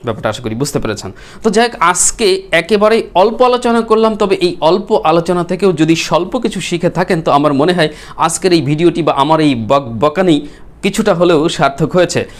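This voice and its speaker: A Bengali man teaching spoken English who explains patiently, repeats words slowly and keeps asking the viewers questions. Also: a little high, lively intonation.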